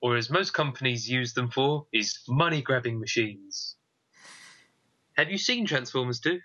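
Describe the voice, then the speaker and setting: A man's voice: mid-range voice, expressive, unhurried, pushed and bright, lo-fi sound. A man co-hosting a casual comedy chat about films, rambling and correcting himself as he goes. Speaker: co-host.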